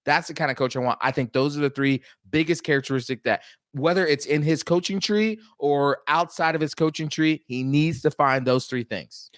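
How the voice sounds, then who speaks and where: A man co-hosting a casual sports talk show, emphatic and animated, repeating points for emphasis. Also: on the high side, moderate pace, few pauses, dry recording, studio quality. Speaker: podcast co-host.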